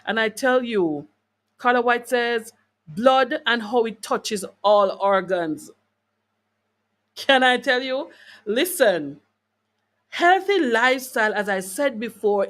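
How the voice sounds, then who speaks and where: A slightly bright, fairly high-pitched woman hosts a live wellness talk, reading out comments from online viewers. Emphatic and preacher-like, she repeats phrases for stress and keeps it conversational by putting rhetorical questions to her audience.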